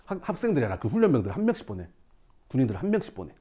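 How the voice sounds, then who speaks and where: A young male math teacher tells his class a story in a lively, swooping voice. His pitch sits in the middle, and he acts out the scenes with sudden shouts and sound effects. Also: rapid-fire, slightly rough.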